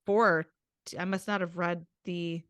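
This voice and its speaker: A woman's voice: fairly low pitch, fairly even intonation, unhurried, clear, resonant tone, dry recording. A young adult woman co-hosting a podcast with her mother, chatting casually and laughing often over a video call. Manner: giggly, chatty. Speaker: podcast co-host. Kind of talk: casual chat.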